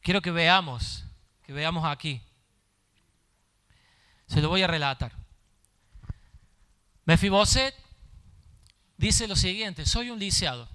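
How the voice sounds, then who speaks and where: A man's voice: fairly high pitch, slow, long pauses, bright, forceful tone, smooth. A male pastor preaching a sermon, repeating his phrases and building in intensity as he goes.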